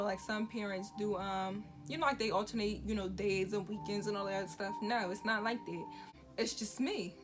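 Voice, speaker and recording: A woman, talking frankly to camera with lots of "you know, like". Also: mid-range voice. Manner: casual, frank, many fillers like "you know, like". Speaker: vlogger. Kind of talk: candid talk to camera. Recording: music playing under the voice.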